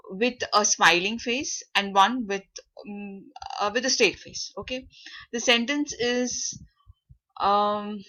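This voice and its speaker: A woman runs an interactive online workshop, her tone bright and forceful. She keeps stopping with fillers while she hunts for the right word. The sound comes through a video call. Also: mid-range voice, muffled recording. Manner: searching for words, many fillers. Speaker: workshop facilitator. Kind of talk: interactive online class talk.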